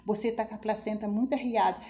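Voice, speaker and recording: A woman's voice: mid-range voice, fairly even intonation, fast talker, mellow. A middle-aged woman telling her own life story as a testimony, emotional and acting out what others said. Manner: emotional, quotes others' speech, pleading religious tone.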